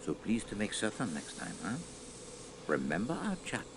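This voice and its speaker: An actor voicing a fussy, formal middle-aged detective in a video game, speaking precise, slightly stilted English. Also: male voice, fairly low pitch, very animated, normal speed. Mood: instructive. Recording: game audio with clear background noise.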